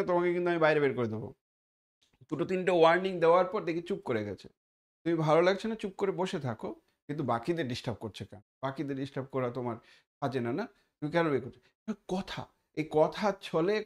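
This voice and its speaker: A man giving a conversational exam-prep lecture as a teacher, repeating points and mixing in English terms. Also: high voice.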